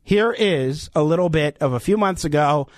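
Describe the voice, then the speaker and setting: An American man hosting an opinionated radio talk show, speaking emphatically with halting self-corrections into a studio microphone. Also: a little high, expressive, no room sound. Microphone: close studio radio microphone.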